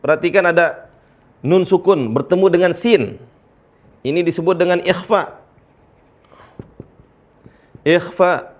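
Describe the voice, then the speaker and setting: A man teaching Quran recitation to young learners, patiently explaining letter lengths and chanting the letters slowly for students to repeat. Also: sits high.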